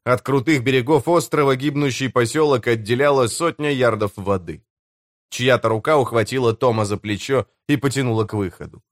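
A man's voice: mid-range voice, a little fast, no room sound. Man reading an audiobook, dry sound. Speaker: audiobook narrator. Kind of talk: scripted narration.

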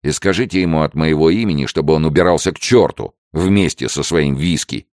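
A man's voice: extremely low pitch, fairly quick, a little mellow, dry recording, studio quality, pitched above the performer's own voice. A man voicing a defiant prisoner who answers in a curt way.

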